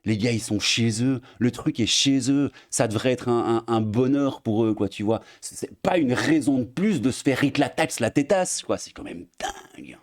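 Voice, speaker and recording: A young Belgian streamer with a Belgian French accent rants casually to camera, mocking and crude and full of fillers. His medium-pitched voice is animated, at normal speed with few pauses, picked up by a desk mic at his editing setup.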